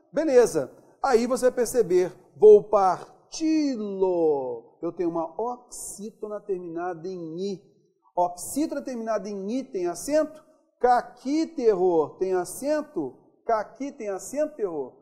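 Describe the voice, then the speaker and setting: Man, Brazilian accent, grammar teacher, mellow tone, very animated pitch, draws out examples. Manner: stretches out example words slowly, checks in with listeners often. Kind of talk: classroom lesson on accent rules.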